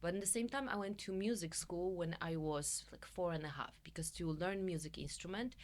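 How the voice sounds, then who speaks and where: A woman's voice: on the low side, a little fast. A middle-aged woman from Poland with a Polish accent, a guest talking expressively in an interview and laughing often. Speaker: guest, coach and musician. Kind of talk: interview conversation.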